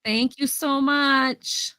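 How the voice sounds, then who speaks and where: A woman's voice: high-pitched, fairly even intonation, extremely slow, sharp tone, no echo. A woman hosting a casual live vintage sale, chatting as she describes each item in detail and counts down the sales. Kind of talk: casual live-stream selling.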